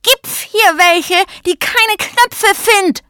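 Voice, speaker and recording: A woman voicing a thin, worn, excitable male uniform button serving as a policeman, who shrieks and bellows and turns his s sounds into f. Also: very high voice, extremely slow, dry recording, studio quality, pitched above the performer's own voice, full character voice. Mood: shrill, bossy.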